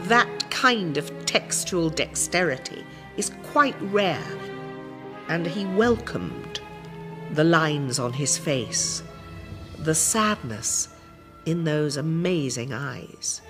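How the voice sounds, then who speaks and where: A woman interviewed as a fellow actor, speaking in a thoughtful, unhurried, reflective way. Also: deep voice, expressive, over music.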